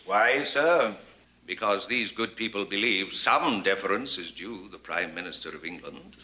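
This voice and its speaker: A man's voice: on the low side, expressive, a little slow, bright, forceful tone, slightly rough, full character voice. An actor playing a pompous aristocratic English statesman, lecturing in a period film. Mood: haughty. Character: haughty aristocratic English statesman, older man. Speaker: Lord North, Prime Minister.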